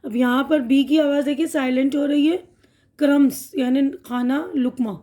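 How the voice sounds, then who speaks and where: A woman with a high voice teaches an English lesson, reading words aloud and explaining each one. She goes slowly, repeats words as drills and often pauses to check that her listeners follow. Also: fairly even intonation, warm tone. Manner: checks in with "theek hai na". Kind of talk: online spoken-English lesson.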